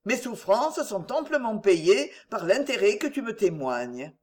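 A woman voicing a gentle wounded young man who speaks softly and tenderly. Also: medium pitch, sing-song, a little slow. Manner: soft, tender.

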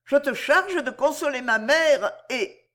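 A woman's voice: high-pitched, lively intonation, a little slow, fairly bright tone, pitched above the performer's own voice. A woman voicing a young woman in a storybook who is secretly pregnant and set on her choice, with an intense, pleading manner.

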